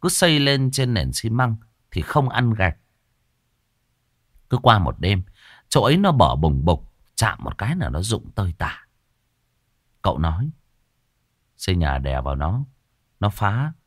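A man narrating a ghost story in a lively, expressive way. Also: on the low side, a little slow, pauses often, no room sound, studio quality.

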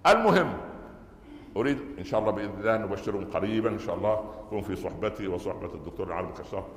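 A man's voice: fairly low pitch, animated, very fast, a little hiss or hum. A middle-aged man with an Egyptian Arabic accent delivering a Friday sermon, telling stories and asking his audience rhetorical questions. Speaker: preacher. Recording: echoey hall with long reverb.

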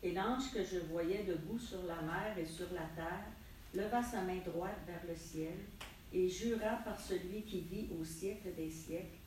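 A woman in a Bible study group reading a scripture passage in an even, steady way. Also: fairly low pitch, measured pace, slight background noise. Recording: heavy room echo, mic far off.

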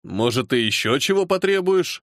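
A weary, irritable colonel who grumbles and needles his defiant subordinate, performed by a male audiobook reader. His voice is gruff and sarcastic. The sound is dry and close, with no room. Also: on the high side, big pitch swings, moderate pace, fairly bright tone, no room sound. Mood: irritated. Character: weary irritable older male colonel, security service chief.

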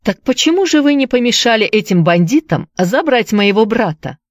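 A fierce young woman with a sharp tongue, played by a female reader, sarcastic and demanding. She speaks well above the reader's own voice, with lively swings in pitch. The sound is dry and close. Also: moderate pace, no room sound, natural voice. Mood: angry.

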